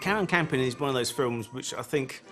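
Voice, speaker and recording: An enthusiastic documentary contributor comments on a film, talking fast. Loud music plays behind. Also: mid-range voice. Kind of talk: commentary interview.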